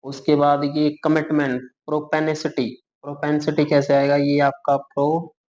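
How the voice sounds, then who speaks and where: A man teaching shorthand, spelling words out letter by letter, asking if it is clear and correcting himself as he draws. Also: on the high side, completely flat delivery, normal speed, darkish tone. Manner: calls students "beta", corrects himself as he draws. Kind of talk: explaining shorthand outlines for dictation words. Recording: muffled lo-fi recording.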